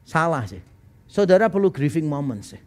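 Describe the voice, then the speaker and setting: A man's voice: a little high, big pitch swings, moderate pace. A male pastor preaching a sermon at a live-streamed church service in a conversational style, sometimes acting out the people he quotes.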